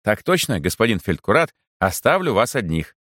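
A man's voice: lowish voice, big pitch swings, moderate pace, a bit bright, no echo, studio quality. A man voicing a good-natured, overly obedient soldier orderly who speaks with formal military politeness. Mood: dutiful.

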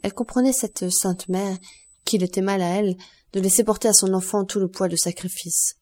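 Woman, audiobook narrator, calm, measured, mellow voice. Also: medium pitch. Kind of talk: scripted narration.

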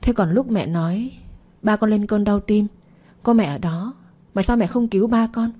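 A woman's voice: medium pitch, normal speed, warm tone, voice pushed up, natural voice. A woman narrator voicing a spoiled, hot-headed young woman who shrieks insults in a storytelling audio drama. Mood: distressed.

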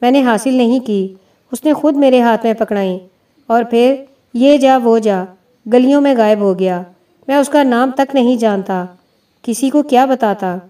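A woman voicing a calm, guarded, principled man, heard from a distant mic. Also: on the high side, close to an everyday voice.

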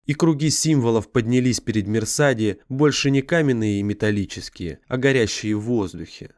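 Low-voiced man narrating a dark sci-fi audiobook. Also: normal speed, no echo, studio quality. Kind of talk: scripted dramatic narration.

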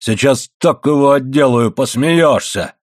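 A man's voice: medium pitch, expressive, dry recording, clean studio sound, natural voice. A man doing a furious, bellowing coal-miner father. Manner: shouting, threatening, drawn-out words.

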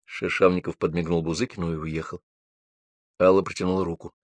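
A man narrating an audiobook in a calm, measured storytelling manner. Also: low voice, dry recording. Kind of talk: scripted narration.

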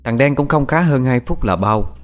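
A man narrating a ghost story as storyteller, dramatic and expressive. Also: mid-range voice, moderate pace, soft background music.

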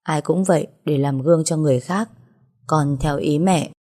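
A woman voicing a composed, cold-blooded young woman who speaks calmly and flatly. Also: low voice, moderate pace. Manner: calm, flat.

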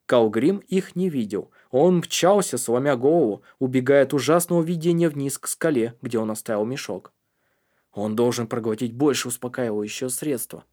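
A man's voice: medium pitch, moderate pace, a little mellow. A man reading an audiobook with tense, dramatic scripted narration.

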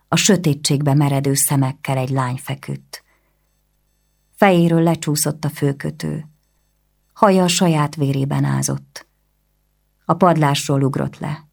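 A woman reading a historical novel aloud as an audiobook narrator, in a measured, even way. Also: deep voice, gravelly. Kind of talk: scripted narration.

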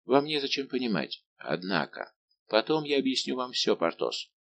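A man voicing a shrewd, quick-witted veteran musketeer officer who talks in a lively, coaxing way. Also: mid-range voice, creaky, voice pushed up, heavily acted. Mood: sly.

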